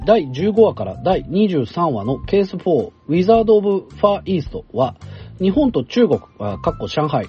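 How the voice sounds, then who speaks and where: A man hosting a radio talk show, reading listener mail aloud in a chatty manner with casual asides. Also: a little high. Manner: chatty and animated, with asides and laughs. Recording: dull broadcast sound, faint music behind.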